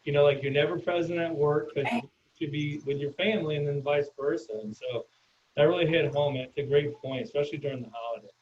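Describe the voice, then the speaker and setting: A man's voice: fairly high pitch, fairly even intonation, fast, a little mellow. Eager male host, dull lo-fi audio. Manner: eager, chatty, enthusiastic. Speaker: podcast host, loan officer. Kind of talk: podcast interview. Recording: dull lo-fi audio, faint hiss.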